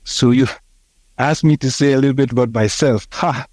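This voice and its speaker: Podcast guest, man in his sixties, warm dark tone, dry close sound, halting reflective delivery. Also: medium pitch, dry recording. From Haiti. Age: 60s. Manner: hesitant, many fillers and restarts. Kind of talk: reflective conversational storytelling.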